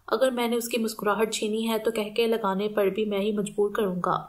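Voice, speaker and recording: A woman's voice: medium pitch, little pitch movement, lightly acted. A woman reading a proud young man's remorseful inner monologue in an audiobook novel. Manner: inner monologue, self-questioning.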